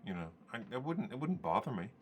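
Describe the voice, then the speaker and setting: A man's voice: medium pitch, sing-song, fast, slightly rough, lo-fi sound. A man telling stories on a podcast in a rambling, conversational way, acting out the dialogue he quotes. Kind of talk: casual podcast storytelling.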